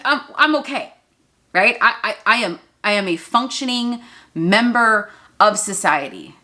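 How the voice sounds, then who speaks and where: A woman's voice: sits high, fairly bright tone. Earnest blunt woman in her thirties. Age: 30s. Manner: earnest, blunt, preachy, addresses viewers as "y'all" and "you guys". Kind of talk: direct-to-camera advice talk.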